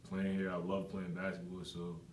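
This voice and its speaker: A man's voice: deep voice, completely flat delivery, normal speed. A young adult man giving casual interview answers as a student athlete. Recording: echoey room with faint background noise.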